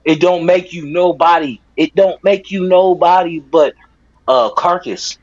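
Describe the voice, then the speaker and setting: A man's voice: high voice, unhurried, no room sound. A man on a livestream panel, talking in a preachy, repetitive way with plenty of swearing. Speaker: panel guest. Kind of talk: casual debate talk. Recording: dull lo-fi call audio.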